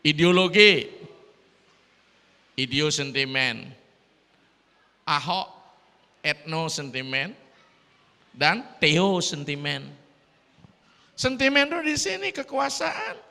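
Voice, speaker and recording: A male priest with a high, bright voice and a Sulawesi accent delivers a dharma talk sermon in a large temple hall during a gathering. He preaches in a lively way, slipping in English phrases, but his pace is slow, with vocal fry and frequent pauses. The hall's long reverb is audible in the recording.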